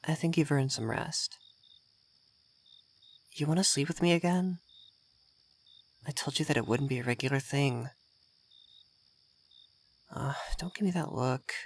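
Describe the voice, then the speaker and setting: In a roleplay ASMR, a man voices a young, effeminate vampire mage who is vain, refined, coy, and easily flustered. His slightly high voice is unhurried and intimate, with frequent pauses and a soft, fond mood.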